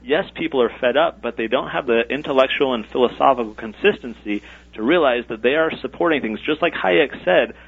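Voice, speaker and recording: A man's voice: medium pitch, a little fast, vocal fry, husky. A man speaking as an author and regular radio guest, articulate and lecturing. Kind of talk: political talk radio discussion. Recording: thin phone-like radio audio.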